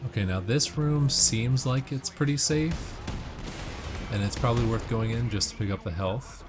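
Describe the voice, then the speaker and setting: With a medium-pitched voice at a moderate pace, a gamer gives casual walkthrough commentary, explaining tips step by step. Game music and gunfire sound in the background.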